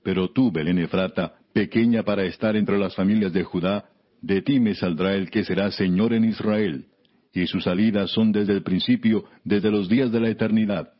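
A Bible narrator, a man with a fairly low pitch and fairly even intonation, delivers a scripted scripture reading. His manner is solemn, measured and declamatory in biblical style, and the recording sounds dull.

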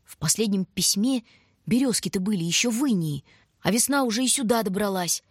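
A woman voicing a brooding, stern older boy who talks in sharp, impatient words in a storybook reading. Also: mid-range voice, animated, brisk, breathy edge, no echo, clean studio sound.

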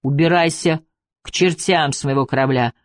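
A man's voice: on the high side, moderate pace, no echo, natural voice. A man reading as an enraged ship captain. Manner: bellowing, indignant.

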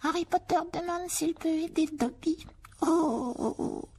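Woman playing a tiny male house-elf, shrill squeaky voice, groveling, weepy, audiobook. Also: moderate pace. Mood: anxious. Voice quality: small shrill high voice. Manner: pleading, overly deferential, speaks of himself in third person. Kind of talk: audiobook dramatization.

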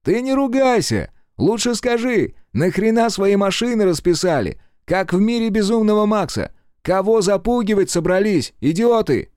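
A man's voice: fairly low pitch, animated, moderate pace, darkish tone, dry recording, studio quality, close to an everyday voice. A man voicing a tough squad commander who taunts and interrogates a prisoner bluntly. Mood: mocking. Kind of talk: audiobook character voice.

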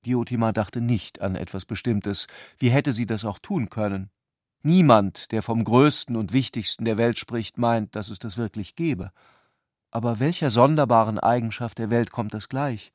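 Measured and reflective, a mid-pitched male voice narrates scripted literary text for a radio play. The recording is completely dry, with no echo or surrounding room.

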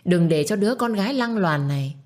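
A woman's voice: mid-range voice, expressive, brisk, darkish tone, voice pushed up, close to an everyday voice. A woman voicing a spiteful middle-aged stepmother who screeches insults and taunts. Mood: scolding.

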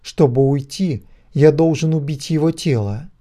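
A man voicing a wrathful, grim dark god in an audiobook, speaking in a growling, bitter way. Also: on the high side, measured pace, pitched above the performer's own voice, close to an everyday voice.

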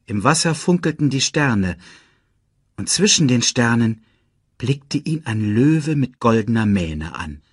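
A man reading a children's storybook aloud in an expressive, dramatic way. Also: medium pitch, measured pace, husky, no room sound, studio quality. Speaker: audiobook narrator.

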